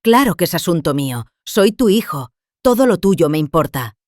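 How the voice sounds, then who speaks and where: Woman voicing a grown son, grasping, falsely soft, suspicious, dry close sound. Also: extremely low pitch, moderate pace, dry recording. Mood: tense. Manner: forced softness over suspicion.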